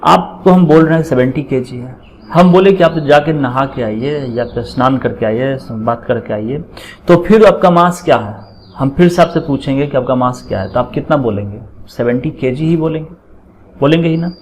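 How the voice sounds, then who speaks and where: A man giving a chemistry lecture, explaining slowly, checking in often and dictating formulas word by word. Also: medium pitch, darkish tone, slight background noise, poor audio. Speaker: chemistry teacher. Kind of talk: classroom lecture.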